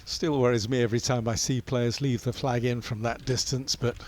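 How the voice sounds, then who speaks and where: A man's voice: medium pitch, little pitch movement, a little fast. Man giving chatty golf commentary. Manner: chatty, asks rhetorical questions. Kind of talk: golf commentary, conversational analysis.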